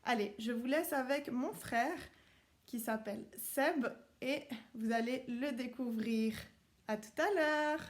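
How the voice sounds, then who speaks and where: Soft, slow-talking woman teacher. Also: sits high. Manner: soft, slow, addressing children. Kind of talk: gentle intro for schoolchildren. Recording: roomy echo.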